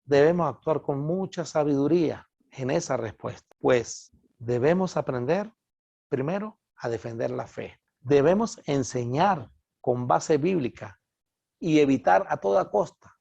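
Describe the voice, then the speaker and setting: Gravelly pastor teaching. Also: male voice, fairly high pitch, animated, unhurried, a little mellow, dry recording. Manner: earnest, addresses listeners as brothers. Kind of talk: recorded Bible lesson. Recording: dull, dry lo-fi recording.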